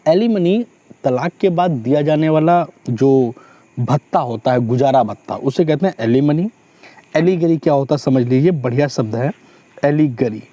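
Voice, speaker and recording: A male teacher works through a word list, explaining each meaning and repeating it. His voice is mellow and dark, recorded dry and close. He reads definitions slowly and often adds a tag question. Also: on the high side, dry recording, lo-fi sound. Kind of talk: vocabulary lesson.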